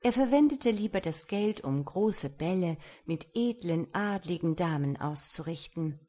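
A woman's voice: on the low side, expressive, a little slow, mellow. Woman reading a fairy tale aloud. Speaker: storyteller.

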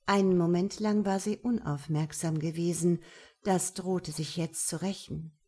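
A woman narrating an audiobook in a measured, even storytelling manner. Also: on the low side, husky. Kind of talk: scripted narration.

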